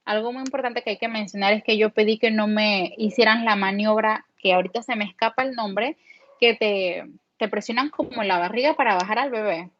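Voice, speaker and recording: Speaking briskly in a medium-pitched voice, a young woman from Panama with a Panamanian Spanish accent recounts a personal story as a podcast guest mother. She's candid and uses many fillers, and the recording is dull, dry lo-fi audio.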